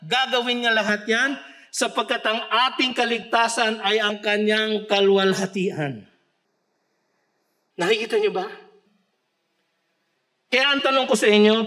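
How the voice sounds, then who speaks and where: A man with a Filipino accent preaching a sermon, mixing Tagalog with English scripture quotes and swelling into emphatic shouts. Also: sits high, measured pace, pauses often. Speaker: pastor. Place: church.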